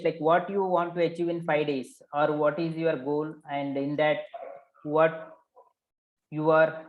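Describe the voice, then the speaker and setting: A man leading a live online coaching session, probing participants and repeating their answers back to them. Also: fairly high pitch. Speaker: workshop coach. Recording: roomy echo.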